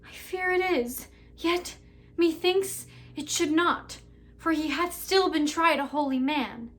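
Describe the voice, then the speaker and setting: A woman's voice: high-pitched, takes it slowly. A woman performing Juliet's potion speech as a frightened young woman, in a dramatic classical style. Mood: fearful. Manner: fearful, dramatic, swings from hush to cries. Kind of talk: Shakespeare monologue performance.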